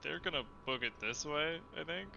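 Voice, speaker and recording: A man's voice: a little high, moderate pace, gravelly, sharp tone, lo-fi sound, slight background noise. A man running a tabletop game as game master, calling turns and narrating outcomes in a casual, amused way.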